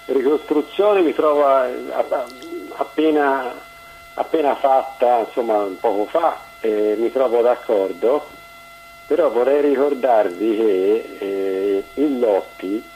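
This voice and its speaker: Halting male caller over the phone. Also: mid-range voice, mellow, slight background noise. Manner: halting, full of pauses and tag questions. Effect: heard over a phone line. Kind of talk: call-in discussion.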